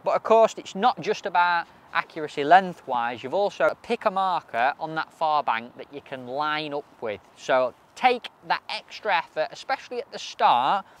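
A man's voice: on the high side, big pitch swings, normal speed, few pauses, fairly bright tone. A man in his thirties, a match angler, chatting practically through fishing tips while seated outdoors by a lake.

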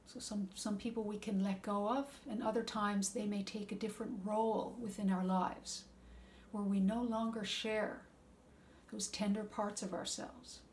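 A woman giving a calm, gentle talk of spiritual advice in a measured, reflective way. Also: medium pitch, slight background noise. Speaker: wellness speaker.

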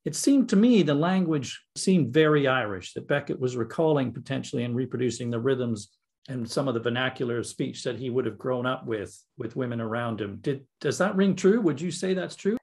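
A man's voice: medium pitch, lively intonation, a little fast, vocal fry, a little mellow. A man hosting a podcast interview, curious and eagerly framing his questions. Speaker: podcast host.

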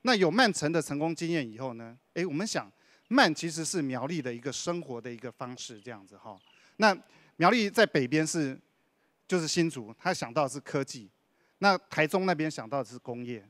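A man's voice: fairly high pitch, a bit bright, no room sound. Man official explaining. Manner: explanatory, uses many sentence particles. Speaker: deputy director of a county culture and tourism bureau. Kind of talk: panel discussion answer.

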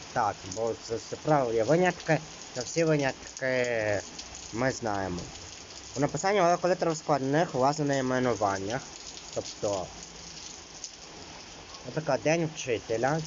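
A middle-pitched male teacher leads an exam-prep lesson, reading each rule and then explaining it loosely with many fillers. The recording sounds a little dull, with background noise and faint rain behind him.

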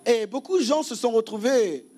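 A male pastor giving a humorous sermon at a church seminar, teasing the congregation and acting out little scenes with shouts and laughter. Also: very high-pitched, expressive, moderate pace, faint music behind.

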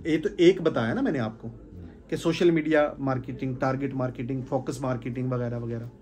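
Speaking a touch fast in a medium-pitched, slightly mellow voice, this man delivers a relaxed sales talk to a small group. As a sales trainer in a room with curtains, he stays emphatic, repeats phrases to stress points and gestures throughout.

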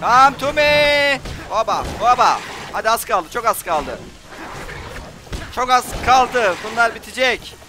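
A man's voice: high voice, animated, a little slow, noisy background. A young man doing let's play commentary, frustrated, swearing and taunting. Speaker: gameplay commentator.

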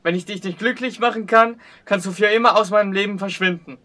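A man's voice: high-pitched, fairly even intonation, fast, heavy background noise, lightly acted. A man playing a persistent blind suitor, pleading and insistent, in acted short-film dialogue. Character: persistent blind male suitor, stubborn and earnest.

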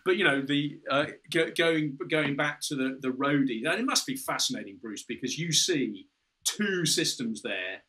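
Speaking from an indoor room with red curtains and a window, this former fighter pilot is a British man in his fifties guesting on a video-call interview. He talks at length, restarting frequently and leaning on "you know." The voice is slightly high, animated and sharp, at a moderate pace.

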